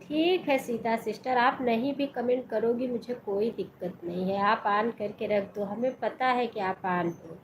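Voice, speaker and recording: A woman's voice: a little high, a little slow, few pauses, slight background noise, poor audio. A woman hosting a live stream in casual chat, greeting her viewers by name and reading their comments aloud. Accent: Hindi with Awadhi region background.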